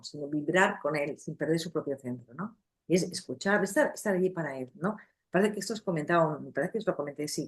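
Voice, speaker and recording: A middle-aged woman leads a psychotherapy class. Her voice sits a little low, and she talks in a loose, conversational way, restarting sentences and checking in with her listeners. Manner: conversational, many fillers and restarts, acts out examples. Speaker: psychotherapy teacher. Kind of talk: lecture to a class.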